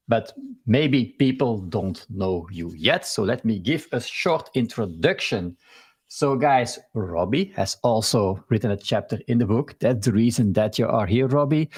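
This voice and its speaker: A man with a Belgian accent hosts a live stream interview over a video call. His voice is husky and breathy. He talks in a halting, friendly way, restarting and filling his sentences. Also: medium pitch. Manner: halting, with many fillers and restarts.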